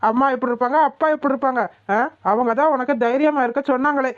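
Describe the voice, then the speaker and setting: A bossy village husband, voiced by a woman, lectures and scolds in a fairly high voice. The sound is dry and a little dull. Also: steady tone, quick pace, no echo, natural voice. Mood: lecturing.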